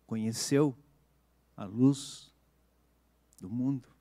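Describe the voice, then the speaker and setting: Earnest Brazilian pastor preaching. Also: male voice, mid-range voice. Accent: Brazilian Portuguese. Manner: earnest preaching, slows and softens for emphasis. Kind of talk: sermon.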